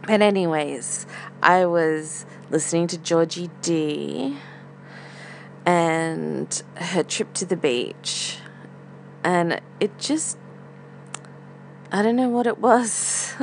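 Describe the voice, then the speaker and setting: A woman's voice: lowish voice, lively intonation, slow, vocal fry, pauses often. A woman podcast host thinking aloud in a casual, reflective monologue, with some hesitancy as she feels for words. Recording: faint air conditioner hum. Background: humming air conditioner.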